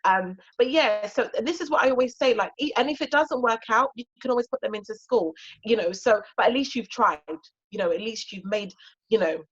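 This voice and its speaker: A Ghanaian woman in her thirties, whose native language is Twi, speaks as a homeschooling guest in a casual online session, warm and encouraging with plenty of fillers. Her voice is fairly high and brisk with a breathy edge, and the highs are cut off.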